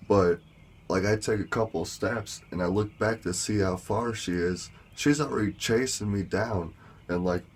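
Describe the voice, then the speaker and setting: A man telling a story in a casual vlog, rambling with lots of fillers and small laughs, with a sore lower back. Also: breathy edge. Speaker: vlogger.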